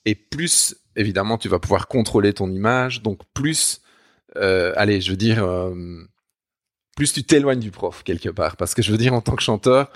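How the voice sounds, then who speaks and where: Man, Namur Belgian accent, rambling, self-mocking, low voice, dry sound. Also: moderate pace, no room sound. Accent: Namur Belgian French. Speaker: university Spanish teacher, guest. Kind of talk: casual podcast chat.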